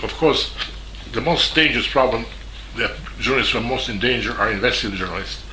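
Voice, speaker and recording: A man from Serbia with a Serbian accent, a journalist giving a spoken statement in halting English full of fillers and restarts. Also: medium pitch, bright, forceful tone, slight background noise. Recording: echoey room with faint ambience.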